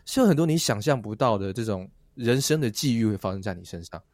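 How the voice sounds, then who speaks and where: A man with a Taiwanese accent hosting a podcast, telling stories in a lively casual chat and laughing often. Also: lowish voice, quick pace, no echo, clean studio sound. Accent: Taiwanese Mandarin. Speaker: podcast host.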